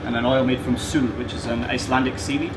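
A young man, a sous chef, calmly explaining a dish step by step as he plates it in a restaurant kitchen. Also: medium pitch, quick pace. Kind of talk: explaining a dish while plating. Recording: loud kitchen air-conditioning hum. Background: air conditioning hum.

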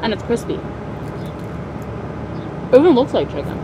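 A woman's voice: a little high, sing-song, normal speed, very noisy. A woman tasting food with a friend, chewing while talking and saying "like" constantly in casual chat. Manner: filler-heavy, says "like" constantly. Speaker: food taste tester.

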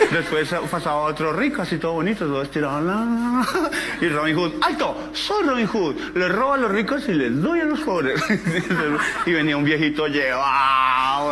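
A man's voice: on the high side, noisy background. A Colombian-accented man playing a bumbling joke-teller who keeps laughing at his own jokes and stumbling over his words. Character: bumbling giggly male joke-teller, silly. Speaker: stand-up comedian on a TV comedy show. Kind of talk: stand-up joke telling.

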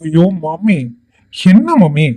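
A man's voice: a little high, very animated, takes it slowly, warm tone. A man voicing a lazy young college student, whiny and petulant.

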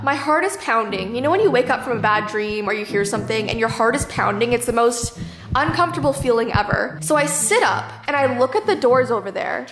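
A woman's voice: a little high, fairly bright tone. A young woman, chatting informally as she vlogs and tells stories in an echoey, sparsely furnished bedroom. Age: young adult. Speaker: vlogger. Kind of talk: casual vlog storytelling. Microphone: camera held or set at about arm's length. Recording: echoey, sparsely furnished room, music behind.

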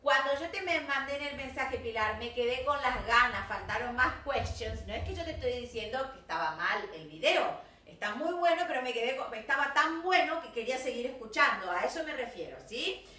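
A woman's voice: high-pitched, expressive, a little fast, hardly any pauses, pushed and bright, reverberant, distant mic. An Argentine woman teaching English to young children, giving class feedback and mixing Spanish and English, checking in with "¿sí?" and "¿ok?" after nearly every point. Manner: switches between Spanish and English, coaxing with constant "¿sí?" and "¿ok?".

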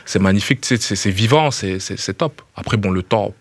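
A quick-talking man from Liège, Belgium, guests as a footballer in a casual interview in a small radio studio. He repeats words while he searches and uses the familiar "tu vois." His pitch is fairly low, and the studio mic with headphones yields a dry recording.

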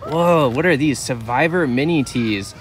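With a medium-pitched, slightly slow voice and a little hiss or hum on the recording, a man in his thirties vlogs casually while rambling through a store's aisles. He uses many fillers and corrects himself often, captured indoors on a handheld camera the filmer holds.

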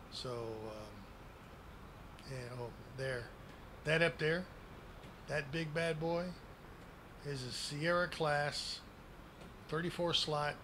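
A grandpa-like man in his sixties giving a casual, unscripted game tour in a folksy, plain-spoken way at a desk microphone. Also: fairly high pitch. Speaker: gaming video creator giving a base tour. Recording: clearly noisy home recording.

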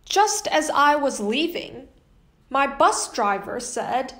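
A young adult woman reads a children's picture book aloud as host and story reader, with a bright, high-pitched voice. She reads slowly, animated and carefully enunciating, in an echoey indoor room.

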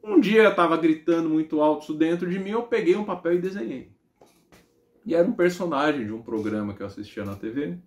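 A man with a Brazilian Portuguese accent preaching, telling a personal testimony as an animated story and acting out the dialogue. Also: a little high, fairly quick, roomy sound.

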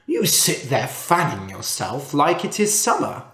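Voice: mid-range voice, very animated, measured pace, a bit bright. A storyteller voicing an eager, insistent rich man who is easily fooled, heard in a roomy echo. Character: gullible rich man in fur coat.

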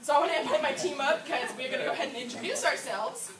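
Brief: energetic young woman from Florida, church announcements, echoey hall, far camera. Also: high-pitched, fast, over a noisy crowd. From Orlando, Florida. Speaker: drama ministry team leader. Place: church hall with a wooden floor, indoors. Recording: echoey room from far off, noisy.

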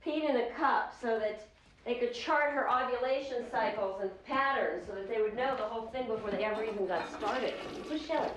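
A woman's voice: on the high side, brisk, a little hiss or hum, lightly acted. An actress playing a distracted, rambling woman who hopes to have a baby. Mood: teasing. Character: scatterbrained woman hoping for a baby. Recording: roomy film sound from a distance.

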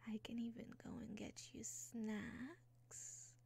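A young woman doing an ASMR roleplay as a caring caretaker, whispering slowly and soothingly into a close mic, with frequent soft "mm-hmm" murmurs. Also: on the high side, fairly even intonation, breathy edge. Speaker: ASMR creator. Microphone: close sensitive mic.

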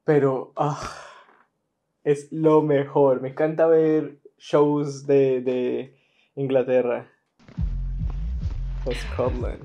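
A man's voice: mid-range voice, little pitch movement, drawn-out words, long pauses, dull audio, a little hiss or hum. A man hosting a casual reaction video, enthusiastic and often repeating words as he searches for them.

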